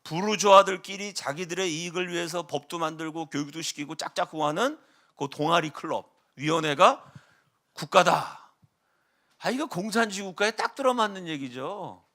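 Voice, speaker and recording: A middle-aged male pastor delivers a lecture-style sermon with an animated, emphatic manner. His voice sits high and sounds bright and forceful.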